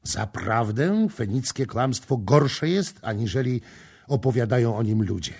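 A man reading the part of a proud young prince in an audiobook, forceful and commanding. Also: medium pitch, expressive, slow pace, pitched above the performer's own voice.

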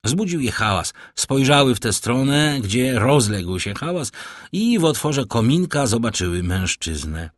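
A man narrating a classic novel as an audiobook, in an expressive, theatrical way. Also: medium pitch, measured pace, dry recording, clean studio sound. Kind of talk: audiobook reading.

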